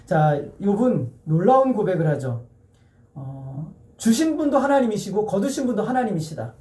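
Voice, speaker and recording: A male pastor delivers a sermon in a relaxed, conversational way, putting question after question to his congregation and slowing down to read scripture aloud with them. His voice sits high but has a mellow, dark tone. He is heard from some distance away in a reverberant church hall. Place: church sanctuary. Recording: echoey church hall, mic a bit distant.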